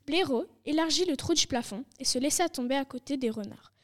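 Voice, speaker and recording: A woman's voice: sits high, a little fast. A woman reading a storybook aloud, taking turns and echoing words with a partner. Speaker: reader.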